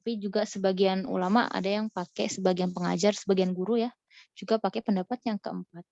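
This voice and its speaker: A young woman gives a relaxed recitation lesson, stopping often to sound out examples slowly and carefully. Her voice sits in a middle pitch. The recording is dry and a little dull, like a simple home setup. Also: vocal fry, no echo. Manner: explains patiently, slowly models recitation examples. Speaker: Quran recitation teacher. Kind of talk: casual online tajwid lesson.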